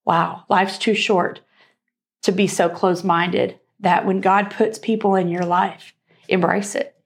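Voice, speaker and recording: A woman's voice: medium pitch, flat delivery, unhurried. A woman co-hosting a faith-based talk show, speaking in an earnest, reflective conversational way. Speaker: co-host.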